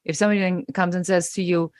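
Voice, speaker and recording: A woman's voice: fairly low pitch, fairly even intonation, quick pace, darkish tone, no room sound, studio quality. A woman guest on a podcast, speaking emphatically and acting out the remarks she quotes. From Germany. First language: German. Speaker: podcast guest, business coach. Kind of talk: interview conversation.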